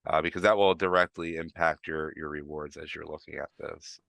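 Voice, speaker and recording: A man's voice: a bass voice, steady tone, brisk, gravelly, a bit bright, dry recording. A man with a New York accent, tinged with Florida, hosting a live stream and explaining things in a rambling, casual way full of fillers and restarts. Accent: New York, with some Florida.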